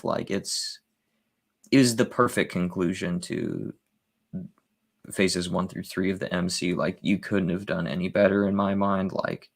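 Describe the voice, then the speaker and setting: A man appearing as a guest movie reviewer in a casual chat, talking eagerly and excitably about films. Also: deep voice, vocal fry.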